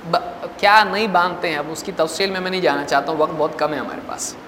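A man giving a religious sermon. He recites Arabic sayings slowly, then explains them in plain conversational talk with rhetorical questions. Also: fairly high pitch, sharp tone. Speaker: religious preacher. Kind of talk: Islamic sermon. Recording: echoey hall, faint background noise.

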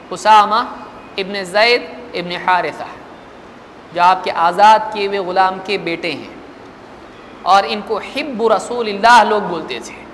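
A male preacher delivers a sermon to a gathering. He draws out recited Arabic lines slowly, then drops into relaxed, conversational explanation full of rhetorical questions. The recording rings with a long hall echo over a faint background noise. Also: sits high. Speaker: religious preacher. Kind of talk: Islamic sermon.

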